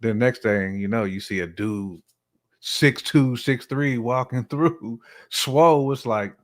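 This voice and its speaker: On a discussion show, an American man with a medium-pitched voice talks slowly in casual chat, using informal slang and often checking whether others agree.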